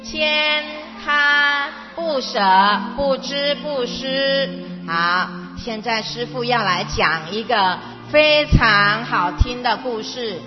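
A woman teacher, the dharma master of a Buddhist children's class, tells a story and explains it in simple words, speaking slowly in a fairly high voice. She talks as if to small children, using questions and answers and emphatically repeating key words. The recording is from an echoey hall, sounding dull and muffled, with music.

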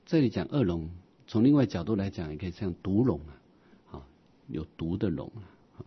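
A man teaching a Buddhist sermon on scripture, explaining as he goes, with many drawn-out "ah" fillers and rhetorical questions. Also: low-pitched, expressive, breathy edge, dull audio.

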